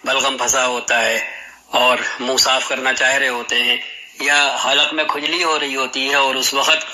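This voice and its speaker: A man's voice: mid-range voice, flat delivery, pushed and bright, low-quality recording. A man teaching the articulation of letters in a patient, explanatory lesson, demonstrating throat sounds aloud as he goes. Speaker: Quran recitation teacher.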